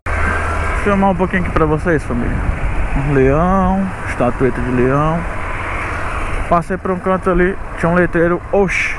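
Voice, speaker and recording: Riding his motorcycle down a city beachfront road at night, a young motovlogger narrates casually at normal speed in a high voice. He's chatty and friendly, calling his viewers family, and the helmet-camera audio picks up outdoor traffic and wind.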